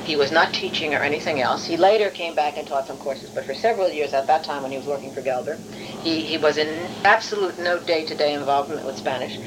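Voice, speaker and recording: Recounting her academic life for an oral history interview, this middle-aged Hungarian university professor speaks non-native English in a careful, wandering, self-correcting manner. She's a fast, low-pitched talker, recorded with a noisy background.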